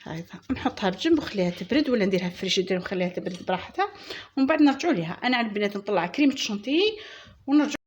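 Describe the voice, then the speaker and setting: A woman's voice: mid-range voice, animated, very fast, slight background noise. A woman with an Algerian Arabic accent hosting a home baking tutorial, chatting and guiding viewers step by step as if talking to friends. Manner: chatty and instructive, addressing viewers as "girls". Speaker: home baking channel host. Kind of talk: casual cooking tutorial. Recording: music playing clearly behind her.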